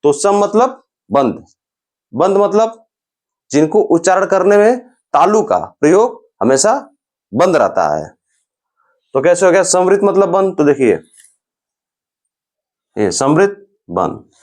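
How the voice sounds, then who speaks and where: Male grammar teacher, lively pitch, slightly high voice, patient and repetitive. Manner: explains slowly, repeats sounds and terms, often says "dekhiye". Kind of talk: classroom-style lecture.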